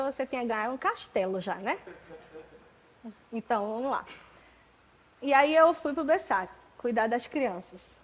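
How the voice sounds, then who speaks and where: A woman in her forties with a Brazilian accent, preaching in church, telling her own story with jokes and loud emphatic bursts. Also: high voice, poor audio. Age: 40s. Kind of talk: sermon with personal testimony.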